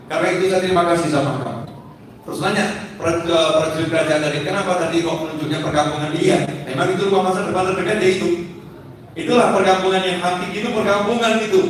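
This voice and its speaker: A man's voice: high-pitched, fairly bright tone, a little hiss or hum. A man preaching a religious lecture to a live audience, telling stories with acted dialogue and asking the crowd questions, often breaking off and restarting words. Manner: stretches and restarts words mid-syllable. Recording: echoey hall, mic at a distance.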